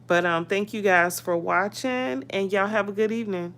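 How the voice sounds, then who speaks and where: A woman's voice: medium pitch, moderate pace, fairly bright tone, slight background noise. A woman vlogger casually chatting through celebrity gossip, hedging her opinions as she goes.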